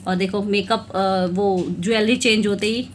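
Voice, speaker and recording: A young woman vlogger chats casually with her viewers while showing her wedding album. She talks in an easy, chatty way, breaking into laughs between remarks at a middle pitch. A faint hiss runs under the recording. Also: fairly even intonation, a little slow.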